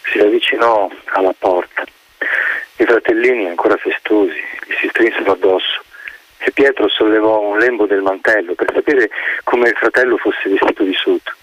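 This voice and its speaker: A man's voice: fairly low pitch, normal speed, fairly bright tone, no echo. A man reading a literary story aloud in a solemn, building manner. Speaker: narrator. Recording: dull lo-fi radio recording.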